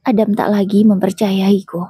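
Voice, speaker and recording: A woman narrating a first-person story in a soft, breathy voice. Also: medium pitch, little pitch movement, moderate pace, no room sound, clean studio sound.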